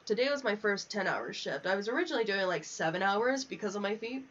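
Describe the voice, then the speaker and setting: A young American woman rambles on a gaming livestream, chatty, unfiltered and swearing often. Her medium-pitched voice is expressive and fairly bright, and she talks quickly. The mic sounds dull and lo-fi, with clear background noise.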